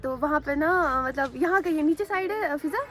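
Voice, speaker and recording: Speaking at a moderate pace in a high, fairly bright voice, a woman vlogger from Jammu and Kashmir, India, chats and rambles to her viewers while telling stories. She films herself on a handheld phone outdoors, on a rooftop and at a school ground.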